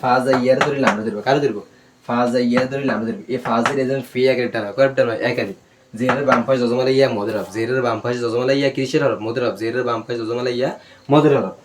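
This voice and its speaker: A man teaching a Quran reading class, spelling Arabic letters out slowly and drilling them with repeated questions and answers. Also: mid-range voice, fairly even intonation, noisy background. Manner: slow, syllable-by-syllable recitation.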